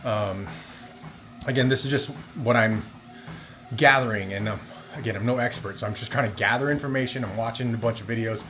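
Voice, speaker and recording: A man's voice: medium pitch, fairly quick, soft background music. A man talking casually and a little hesitantly in a rambling vlog as he walks on a treadmill. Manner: talking while walking on a treadmill. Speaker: vlogger. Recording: steady background noise of treadmill. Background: treadmill and room noise.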